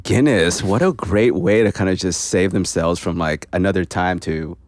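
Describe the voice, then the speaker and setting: A man hosting an interview show, chatting casually and joking with his guest, quick to laugh. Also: deep voice. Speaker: podcast host.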